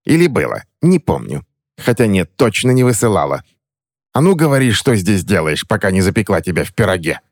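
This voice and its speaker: A man's voice: on the low side, sing-song, fairly quick, no echo, voice pushed up. Spiteful cackling-edged old crone, put on by a male narrator, raised voice, snappish, dry close audiobook sound. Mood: suspicious scolding. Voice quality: sharp, snapping, mocking. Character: spiteful threatening old woman, suspicious and cranky.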